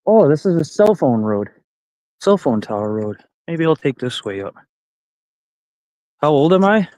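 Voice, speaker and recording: A man's voice: a little high, sing-song, measured pace, mellow, dry recording, low-quality recording. Rambling profane man in his forties. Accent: Canadian. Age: 40s. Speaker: streamer. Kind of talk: casual live-stream chat while hiking. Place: outdoors on a forest trail.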